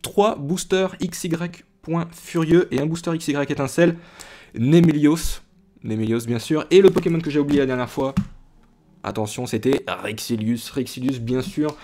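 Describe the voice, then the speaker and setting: A man's voice: fairly high pitch, normal speed, warm tone, a little hiss or hum. A young man from France chatting casually to viewers as he opens a box of trading cards, rambling with frequent restarts and fillers. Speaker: YouTuber opening card boxes. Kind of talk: casual chat to camera.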